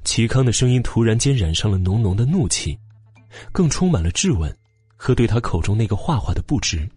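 A man narrates an audiobook expressively. His voice is lowish and husky, with a lively pitch. The sound is close and dry, with faint music underneath. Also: no echo. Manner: expressive, acts out all parts. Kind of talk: scripted narration.

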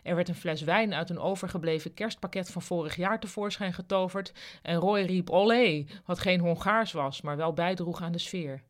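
Calm storybook narrator, middle pitch. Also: normal speed.

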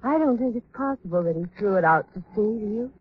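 An actress playing an anxious, spirited mystery heroine in an old radio drama, melodramatic in manner. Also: female voice, medium pitch, lively intonation, fast talker, natural voice. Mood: wondering. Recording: muffled, hissy vintage radio recording.

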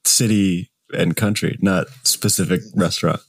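A man's voice: low voice, fairly even intonation, moderate pace, vocal fry, slightly rough. A man co-hosting a film podcast in casual chat, laid-back, dropping dry quips.

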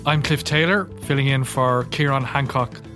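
A man's voice: medium pitch, normal speed, bright, forceful tone, faint music behind. A man hosting and interviewing on a business discussion podcast.

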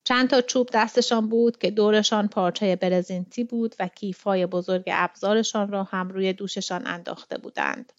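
A woman reading a short story aloud as narrator, calm and measured. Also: mid-range voice, dry recording, highs cut off.

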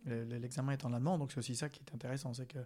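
A man's voice: medium pitch, steady tone, rapid-fire, mellow. A young man from France, a guest on a podcast, talking casually and hesitantly with many fillers and restarts.

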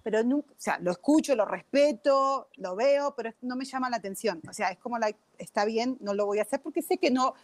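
A talkative woman with a fairly high voice. She chats casually and often drops English words into her sentences. The recording is dry, with no room sound. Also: a little fast, few pauses, a little mellow, no room sound. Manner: chatty, mixes in English words. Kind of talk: casual chat.

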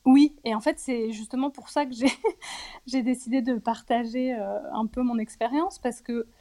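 A forty-something woman opens up about her personal life in an interview, pausing often on fillers as she reflects hesitantly. Her voice leans high, with a steady, mellow quality.

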